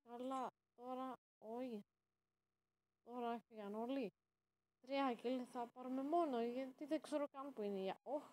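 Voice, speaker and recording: A woman commenting casually on her own game as she plays, excitable and prone to sudden shouted exclamations. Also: high voice, pauses often. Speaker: gaming channel host.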